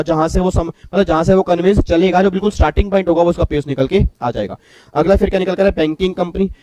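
A man teaching a fast-paced exam revision lecture, rattling off rules in quick repetitive drills and calling out to students directly. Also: high-pitched, mellow, dry recording, low-quality recording. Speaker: tax law lecturer.

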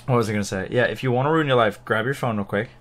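A man chatting casually with his co-host while gaming, relaxed and teasing. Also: medium pitch, very fast.

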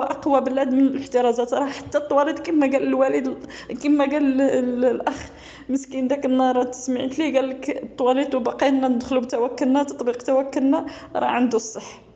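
A Moroccan woman speaks over a landline phone, her high voice rushing along in a pleading, tearful way. She keeps repeating phrases and breaking off mid-word. The phone line is dull and lo-fi, and her tone is mellow. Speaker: caller. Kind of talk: emotional call-in complaint.

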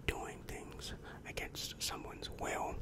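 This ASMR clip features a young adult man in the role of a demon counselor. Speaking in a soft, breathy whisper with his mouth very near a large microphone, he asks slow, measured questions from inside a small, dimly lit room.

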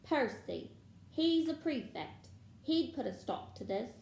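A woman's voice: high-pitched, very animated, slow, creaky, a little mellow, roomy sound, pitched above the performer's own voice, heavily acted. A woman voicing an indignant, bossy young schoolgirl witch, scolding and snapping in a storybook reading. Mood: snappish. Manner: hissing, snapping.

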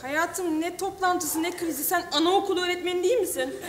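Very high-voiced woman in sketch comedy. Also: a little fast. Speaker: comedy sketch actress playing a girlfriend. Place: television studio stage. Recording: echoey stage with faint noise.

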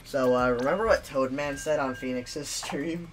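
A man streaming with friends in casual gaming chat, excitable and rambling, repeating words quickly. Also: medium pitch. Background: game music.

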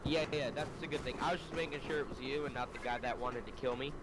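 A man giving orders to teammates in a casual gaming session, fussy and quick to panic. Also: medium pitch, steady tone, very noisy. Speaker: teammate in game.

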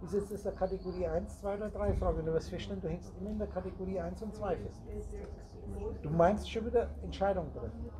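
Speaking quickly in a high voice, a man teaches spiritual ideas to a small group in a meeting room, rambling and punning on word origins as he talks right to them. The audio is poor, with a chattering crowd audible in the background.

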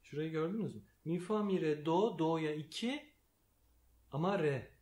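A man giving a slow, patient piano lesson, calling out note names as he plays. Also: fairly high pitch, a little mellow. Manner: calls out note names while playing, explains patiently. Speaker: piano teacher. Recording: piano music under the voice. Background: piano playing.

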